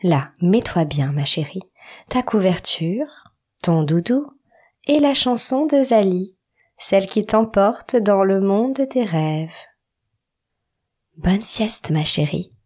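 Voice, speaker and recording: A woman's voice: medium pitch, animated, slow, pauses often. A woman playing a tender mother at bedtime. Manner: soft, coaxing. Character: tender mother putting her little daughter to bed.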